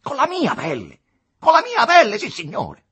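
A man voicing an agitated young male engineer who protests angrily and convulsively, with a husky voice. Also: lowish voice, lively intonation, moderate pace, sharp tone, pitched above the performer's own voice, full character voice. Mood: indignant.

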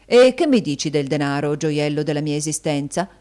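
A woman reading a storybook voices a florid, flattering middle-aged husband who gushes theatrical endearments. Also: deep voice, fairly quick. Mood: gushing.

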